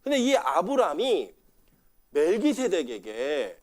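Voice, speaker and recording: A man's voice: sits high, wildly swooping pitch, slow, a little mellow. A man preaching a sermon as pastor, talking conversationally, putting questions to the congregation and acting out quoted lines.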